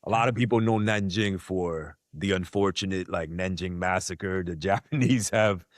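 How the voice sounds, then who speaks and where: This deep, moderately paced voice belongs to a man guesting on a podcast, a content creator born in South Korea and raised in Queens, New York. The studio-quality audio has no echo. Casual and slangy, he keeps dropping "like" and "you know what I mean" to confirm he's being followed.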